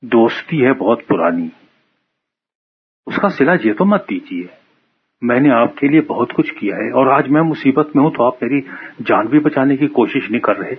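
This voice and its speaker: A man's voice: medium pitch, animated, breathy edge, voice pushed up. A man voicing a wounded devil who pleads, wheedling, posing as an old friend in a storybook tale. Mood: pleading. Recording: muffled phone-like radio sound.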